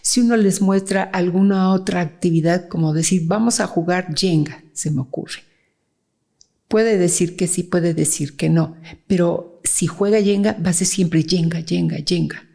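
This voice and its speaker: A woman's voice: lowish voice, fairly even intonation, moderate pace, creaky, mellow. A woman child psychiatrist, explaining cases in a conversational interview, with fillers and frequent "¿sí?" checks. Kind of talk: explanatory interview talk with anecdotes.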